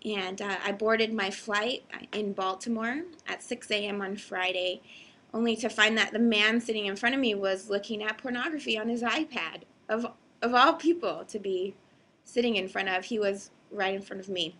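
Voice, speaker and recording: Bright-voiced earnest woman giving a statement. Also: mid-range voice, fairly even intonation. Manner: earnest, hesitant, with filler pauses. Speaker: executive director of an advocacy group. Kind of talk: recorded video statement.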